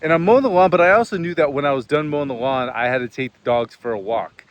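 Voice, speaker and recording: A man's voice: on the high side, fast talker, lo-fi sound. A man giving a casual motivational talk, earnest and conversational, telling a personal story with frequent fillers. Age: adult, served in the military. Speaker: host.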